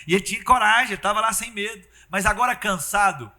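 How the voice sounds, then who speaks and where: A man preaching a sermon in an animated, conversational way. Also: high-pitched, fast. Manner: animated, conversational preaching with acted-out quotes and sudden loud bursts.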